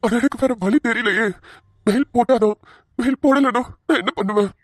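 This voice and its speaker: In a cartoon, a woman voices a tender young husband gently soothing his worried wife, pleading with her and calling her fondly. Her voice is on the high side, a little fast, and close to an everyday voice, recorded in studio quality with no echo.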